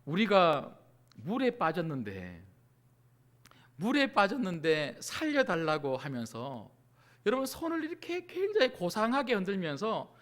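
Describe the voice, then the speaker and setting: A middle-aged male pastor preaching with a high, bright, sharp-edged voice. His pitch jumps and dips with animated energy. He peppers his congregation with rhetorical questions and acts out desperate pleas before sinking to a near-whisper. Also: a little slow. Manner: swings from loud cries to hushed near-whispers. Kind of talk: sermon.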